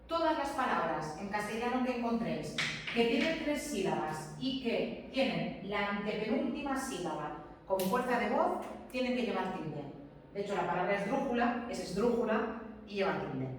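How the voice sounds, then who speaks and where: A woman teacher with a fairly high voice lectures a class, explaining step by step, repeating her points and questioning the students. She's recorded from far off on a distant camera mic in a large, echoey classroom, with slight background noise.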